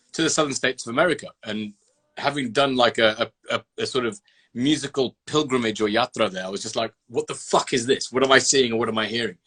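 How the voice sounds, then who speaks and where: A man with a husky, mid-pitched voice hosts a casual interview. He talks loosely and with enthusiasm, swearing freely as he goes. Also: fairly bright tone. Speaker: host. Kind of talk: casual interview over a phone call.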